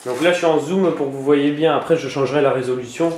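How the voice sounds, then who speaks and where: A man who makes tutorials talks through a computer lesson while working on screen, hesitating often with fillers and restarts. His voice is fairly high and darkish, and he speaks fast. The room is echoey, with faint noise.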